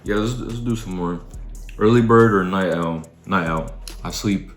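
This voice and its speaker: A young man with a very low voice answers questions casually while eating, words muffled by a mouthful of food. He is laid-back and slangy, thinking aloud, in a roomy, echoey space with music behind him. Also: unhurried. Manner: mouth full, talking while eating cereal. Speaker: content creator.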